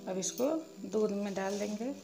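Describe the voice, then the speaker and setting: A woman hosting a cooking channel, talking viewers calmly through a recipe step by step in a voice-over. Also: medium pitch, moderate pace, vocal fry. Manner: calm step-by-step explaining, addresses viewers as friends. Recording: echoey room with music behind.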